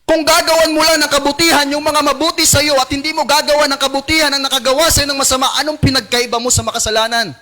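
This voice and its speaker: A male pastor with a Filipino accent delivers a Sunday sermon in a fairly high voice. He prompts the congregation to repeat after him and switches between Filipino and English phrases as he preaches. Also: steady tone, quick pace, few pauses, sharp tone. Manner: call-and-response preaching, asks congregation to repeat lines; acts out tempting whispers in a lowered voice. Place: church service.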